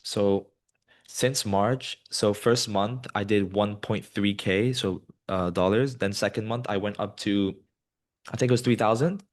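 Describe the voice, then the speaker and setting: This low-voiced man talks a little slowly as he answers interview questions in a laid-back, rambling way, peppered with ums and you-knows. He's a Colombian business student in his twenties, there as a guest.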